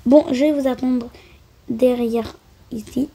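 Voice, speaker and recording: Husky childlike woman playing dolls. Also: high-pitched. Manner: lively, switching quickly between childlike character voices. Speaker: voice-over narrator of a doll-play story. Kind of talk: acted-out doll play voicing many characters.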